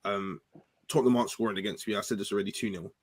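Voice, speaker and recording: A man's voice: on the low side, fairly even intonation, rapid-fire, breathy edge, no room sound. A man giving casual sports opinions as a panellist on a football show.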